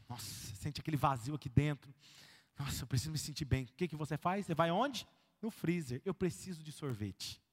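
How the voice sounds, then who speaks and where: A man with a Brazilian Portuguese accent, a pastor preaching a sermon to a congregation, who keeps asking whether they follow him and acts out everyday scenes in a lowered voice. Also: fairly bright tone. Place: church hall with a congregation. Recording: long reverb of a church hall.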